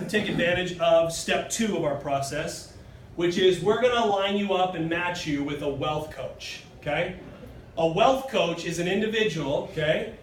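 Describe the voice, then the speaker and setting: Filmed on a phone camera from out in the audience, this hotel meeting room recording is roomy, distant and faintly hissy. The presenter, a man in his thirties, gives a motivational sales pitch with a high, punchy delivery, standing and gesturing widely while repeatedly asking "okay?" and "true?".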